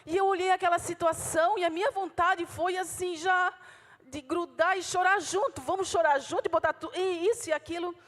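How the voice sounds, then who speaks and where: High-voiced Brazilian woman preaching in a hall. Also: fairly even intonation, brisk. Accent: Brazilian Portuguese. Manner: passionate preaching, rising to shouts and dropping to soft asides. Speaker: pastor. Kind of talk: sermon. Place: church hall. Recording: long church hall reverb.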